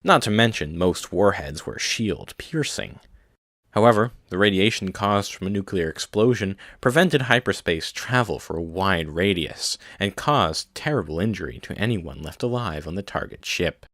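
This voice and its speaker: A man narrating a science-fiction audiobook in a steady, measured way. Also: sits low, no echo, clean studio sound.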